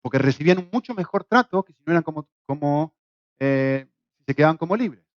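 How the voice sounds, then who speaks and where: Lively Argentine man teaching a church class. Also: on the high side, fairly quick, no room sound. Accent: Argentine Spanish. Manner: lively, asks rhetorical questions, jokes. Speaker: Bible teacher. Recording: dull, lo-fi, dry sound.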